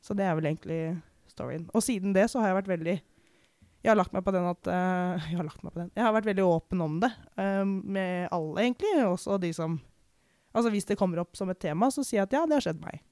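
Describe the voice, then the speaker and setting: A young woman from Norway giving a candid, reflective personal account in conversation, pausing and restarting often. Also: on the low side, darkish tone, no echo, clean studio sound. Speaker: podcast guest.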